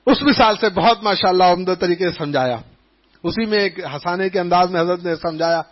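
A man giving an Islamic sermon, telling anecdotes in an animated way and acting out the people he quotes. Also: high voice. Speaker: preacher. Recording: dull lo-fi recording.

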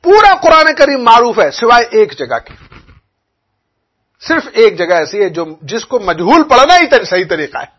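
Husky-voiced man teaching Quran recitation. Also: very high-pitched, fairly bright tone. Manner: explains with homely examples, asks listeners if they understood. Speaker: Islamic religious teacher.

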